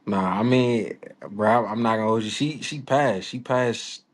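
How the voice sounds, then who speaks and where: Speaking at a measured pace in a voice on the low side, a twenty-something musician from Virginia, US, talks casually as an interview guest. He's laid-back and soft-spoken, with plenty of fillers.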